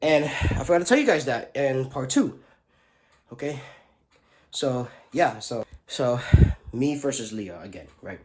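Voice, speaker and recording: A young man talks straight into his phone, rambling through a school story with lots of fillers and restarts. He stumbles over words and drops curses freely. His voice sits at an ordinary middle pitch. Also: lively intonation, a little slow, pauses often, slight background noise. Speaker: vlogger telling a school story.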